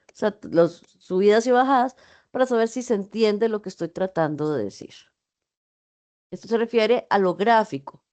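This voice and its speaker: A woman's voice: a little high, a little mellow, muffled recording. Female lecturer, online class, explanatory delivery with hesitant fillers and self-corrections. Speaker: university teacher.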